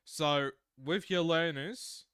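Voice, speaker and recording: A mid-twenties Australian man streams a game and chats casually, rambling through long explanations with restarts. His voice sits on the high side, slow and smooth with a fairly bright tone, captured in studio quality with no room sound.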